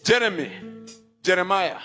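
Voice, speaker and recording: A man preaching a fervent sermon as bishop, calling on the congregation to respond and often shouting his points. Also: sits high, very animated, normal speed, faint music behind.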